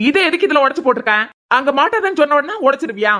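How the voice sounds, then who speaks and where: A woman's voice: high-pitched, very animated, rapid-fire, a bit bright, pitched below the performer's own voice. A woman voicing an irritated young groom in a cartoon, with a Kanyakumari Tamil accent and a curt, scolding way of talking. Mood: impatient. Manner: brusque, scolding questions.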